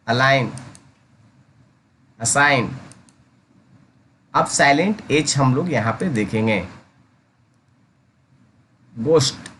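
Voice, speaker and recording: Slow, deliberate male teacher. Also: mid-range voice, a bit bright, a little hiss or hum. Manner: slow, drawn-out repetition of each word; addresses listeners as guys. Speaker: English teacher. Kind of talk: pronunciation lesson.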